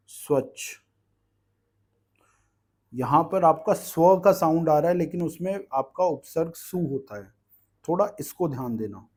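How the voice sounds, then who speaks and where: Slow-paced male grammar teacher. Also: a little high, darkish tone. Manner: explains patiently, asks "ठीक है" often. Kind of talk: exam-prep grammar lesson.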